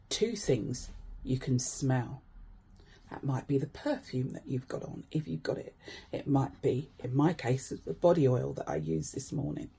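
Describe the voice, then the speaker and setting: A woman with a low, somewhat husky voice leads a grounding exercise. She sounds calm and gentle, guiding the listener step by step as a wellbeing coach. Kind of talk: spoken guided mindfulness exercise.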